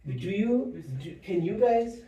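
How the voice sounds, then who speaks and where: A man's voice: high-pitched, unhurried, dark tone. A man, a guest speaker, asking a group of children questions in a class with short friendly follow-ups. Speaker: guest speaker teaching kids. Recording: echoey room, far from mic.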